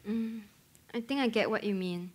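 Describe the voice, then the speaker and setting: A woman's voice: fairly high pitch, normal speed, breathy edge. A young woman acting in a student play as a blunt, sassy friend.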